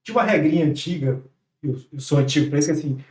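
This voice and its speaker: A middle-aged man from Brazil in a podcast conversation, explaining things quickly with some hesitant restarts. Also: a little high, darkish tone, far from the mic. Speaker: podcast participant. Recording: roomy, off-mic podcast audio.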